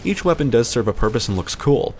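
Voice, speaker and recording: A man's voice: mid-range voice, animated, quick pace, a little mellow, a little hiss or hum. A man narrating a scripted video game review as a voice-over.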